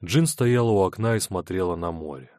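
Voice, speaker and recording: A man narrating an audiobook in a measured, even storytelling manner. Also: sits low, no echo, clean studio sound. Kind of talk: scripted narration.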